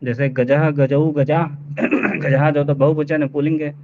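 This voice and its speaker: A man student reciting answers in an online class, halting and hesitant, often repeating words. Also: on the high side, little pitch movement. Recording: tinny phone-like call audio.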